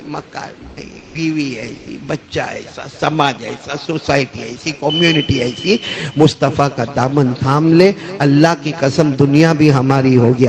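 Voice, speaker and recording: Fiery preacher calling on his crowd. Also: gravelly. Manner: calls out questions, pushes the crowd to answer; swings between loud high cries and low hushed words. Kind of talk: sermon. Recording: crowd audible behind.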